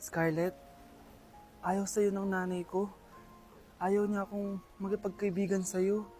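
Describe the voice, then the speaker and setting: A woman's voice: mid-range voice, level tone, slow, mellow. A woman performing short comedy skits, switching between many characters. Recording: faint music underneath.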